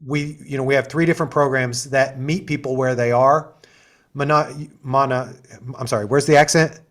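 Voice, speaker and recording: A man's voice: medium pitch, fairly even intonation, a little fast. A middle-aged man explaining programs as an assistant dean in a chatty, enthusiastic way, full of asides and fillers, on a video call. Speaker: assistant dean hosting an info session.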